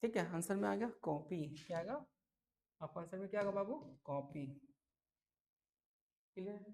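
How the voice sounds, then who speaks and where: A man teaching English vocabulary for an entrance exam, lively and repetitive, often checking whether students follow. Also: high-pitched, normal speed. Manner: lively, repeats key words, asks "clear?" often. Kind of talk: exam-prep vocabulary lesson.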